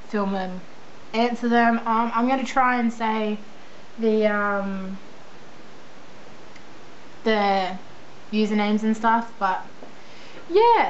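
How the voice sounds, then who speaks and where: A young woman with an Australian accent chatting casually in a rambling, self-deprecating, informal way as she answers viewer questions. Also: fairly high pitch. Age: young adult. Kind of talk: casual chat. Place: indoors at a computer. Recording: dull lo-fi sound, faint background noise.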